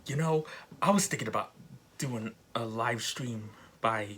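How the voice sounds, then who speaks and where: A man with a mid-pitched, bright voice comments casually as a reaction host. He talks off the cuff, with faint noise behind him. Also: unhurried.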